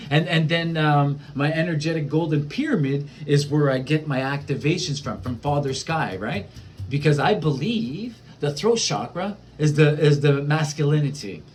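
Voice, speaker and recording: A man with a slightly high voice talks through spiritual experiences in a loose, rambling monologue. He restarts often and leans on fillers. There is a faint hiss of noise behind him. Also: normal speed. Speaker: spiritual vlogger.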